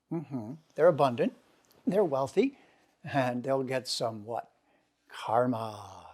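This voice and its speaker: A man giving a lecture, asking the audience questions and answering them himself, slowing down to stress key words. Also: medium pitch, darkish tone. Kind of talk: lecture to a seminar group.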